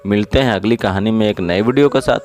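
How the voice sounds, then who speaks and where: A man narrating a short story in a steady, earnest storytelling manner, then signing off to viewers. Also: lowish voice, fast talker.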